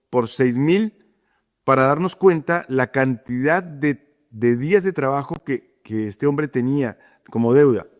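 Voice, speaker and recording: A man's voice: mid-range voice, in a large hall. A man teaching a Bible class, talking in a conversational way, often checking in with his listeners and restarting his sentences. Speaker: preacher.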